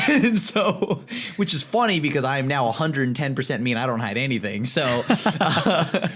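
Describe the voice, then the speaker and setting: A man from California co-hosting a podcast in casual chat, animated and laughing often, with many restarts. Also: mid-range voice, normal speed. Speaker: podcast co-host.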